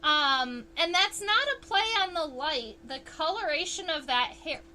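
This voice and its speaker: Chatty woman science streamer, high-pitched and unhurried, faint hiss behind. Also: animated, sharp tone. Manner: chatty, unhurried, reads chat aloud. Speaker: entomologist livestream host. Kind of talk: casual livestream teaching.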